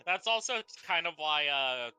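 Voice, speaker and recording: A man's voice: fairly high pitch, sharp tone, clean tone. A man as a player at a tabletop game, chatting casually and joking, laughing through his own bits.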